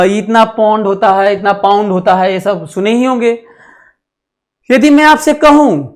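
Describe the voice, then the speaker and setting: Male physics teacher, lecturing slowly, repeats himself, quizzes and dictates to the class. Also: very high voice. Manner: repeats phrases, mixing English terms into Hindi; asks the class questions and dictates notes. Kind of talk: classroom lecture for exam students.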